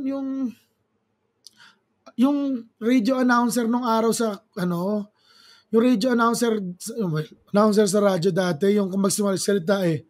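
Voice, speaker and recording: A man's voice: extremely high pitch, a little mellow. A man from the Philippines giving chatty, dramatic commentary as a video blogger, exclaiming often and mixing in English phrases. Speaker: political commentary vlogger. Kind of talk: casual commentary.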